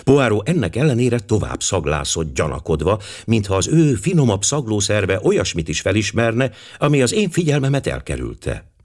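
Low-voiced, expressive male audiobook narrator. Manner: expressive, measured storytelling.

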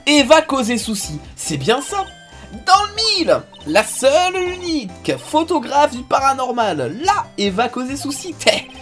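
A woman reading game lines as a brash female photographer with a Marseille accent, talking loud and sing-song. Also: high voice, big pitch swings, unhurried, soft background music, voice pushed up, heavily acted. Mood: excitable. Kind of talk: reading game dialogue aloud.

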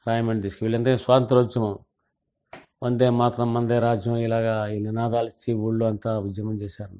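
A man's voice: fairly low pitch, flat delivery, fairly quick, mellow, clean tone. An older man and senior journalist, earnestly telling a family story in an interview and mixing in English words.

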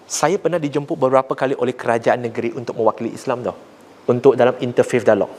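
A man with a Malaysian accent preaching to young people, blunt and forceful, mixing languages and rising sharply to drive points home. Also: medium pitch, fairly even intonation, fast talker. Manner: rises sharply when making a point. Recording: long hall reverb.

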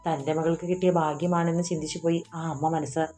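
A woman narrating a romantic audiobook in a steady, even reading voice. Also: deep voice, fast, faint music behind. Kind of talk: storybook narration.

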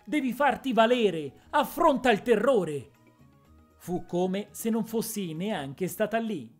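Expressive woman storyteller. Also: low voice. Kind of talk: dramatic audiobook narration.

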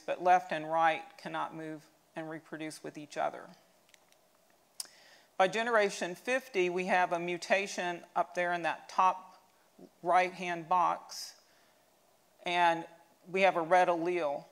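Woman curator explaining slides. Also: lowish voice. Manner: steady explanatory pace with occasional restarts. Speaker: museum curator giving a lecture. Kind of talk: slide lecture.

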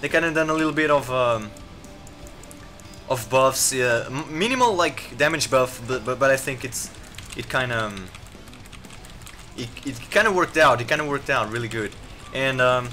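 A man giving live commentary while playing a game, rambling with many fillers and restarts and reacting excitedly to the action. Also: medium pitch, moderate pace, faint music behind. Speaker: gameplay commentator.

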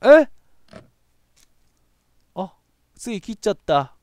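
A man with a giving excitable let's play commentary on a horror game, reacting loudly and laughing often. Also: sits high, slow pace, dry recording, studio quality. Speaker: VTuber game streamer.

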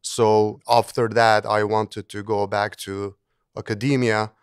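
Man, smooth low voice. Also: level tone, slow, dry recording, clean studio sound. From Turkey. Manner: earnest, with frequent restarts and repeated words. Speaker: guest, engineering professor. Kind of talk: conversational interview.

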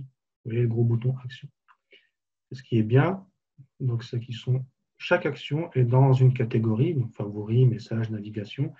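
A man giving a live software tutorial webinar, casually explaining each step as he clicks through it. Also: medium pitch, slightly rough, muffled recording. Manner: casual, explanatory, walks through steps on screen. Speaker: software trainer.

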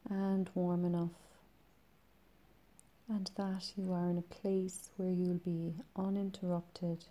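A woman guides a meditation in a soft, breathy and soothing voice that is very dark and relaxed. She speaks slowly, with long pauses, and keeps her pitch even and flat.

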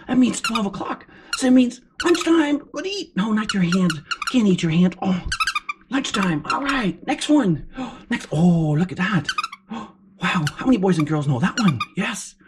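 Woman as an excitable puppet kids show host, swooping pitch. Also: close to an everyday voice. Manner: exclamatory, gasping, encouraging kids show host. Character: excitable, encouraging furry yellow puppet teaching children. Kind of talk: children's lesson, sing-out praise and questions. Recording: clear background noise.

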